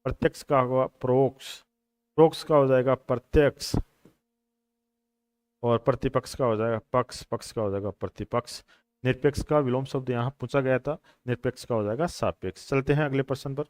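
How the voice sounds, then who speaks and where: A man's voice: medium pitch, normal speed, a little mellow, no room sound, clean studio sound. A man teaching a coaching class on questions. He explains each answer patiently, repeats the answers and calls his students brothers and friends. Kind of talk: classroom lecture on Hindi exam questions.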